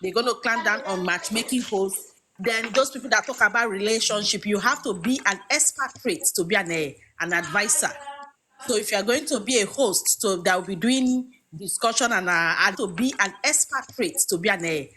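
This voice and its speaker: A woman's voice: medium pitch, normal speed, pushed and bright, slight background noise. A woman joining a live stream to chat, hesitating with fillers and laughing as she talks. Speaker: audience member. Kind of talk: casual chat.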